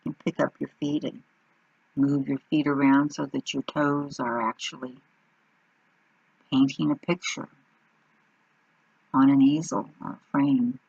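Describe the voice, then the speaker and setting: A woman guides a meditation slowly and without hurry, pausing between short phrases. Her bass voice is husky, heavy with fry, level and darkish in tone, and the recording sounds muffled and dull with no room sound.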